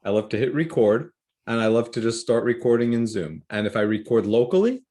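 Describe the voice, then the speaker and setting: A man's voice: mid-range voice, animated, fairly quick, mellow. A man hosting an online workshop, explaining recording tools in an upbeat, casual way over a video call. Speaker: workshop host. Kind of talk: casual instructional talk.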